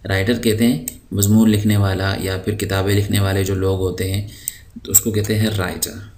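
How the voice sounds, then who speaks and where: A man from Pakistan who teaches English words in a recorded lesson. He draws each word out slowly, then explains it patiently, with frequent hesitation fillers. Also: lowish voice, little pitch movement, a little mellow.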